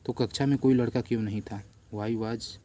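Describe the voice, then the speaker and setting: A middle-aged man teaching English translation, spelling words out letter by letter and repeating them slowly as viewers copy along. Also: medium pitch, steady tone, mellow. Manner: addresses viewers as friends, patient. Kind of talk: classroom-style lesson, slow dictation. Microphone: camera on a notebook while writing.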